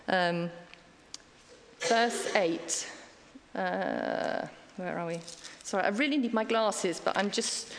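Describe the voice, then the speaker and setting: A woman's voice: mid-range voice, slight background noise. A middle-aged woman giving a conversational sermon, chatty and self-deprecating with frequent ums and asides. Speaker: preacher. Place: church hall. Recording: long hall reverb.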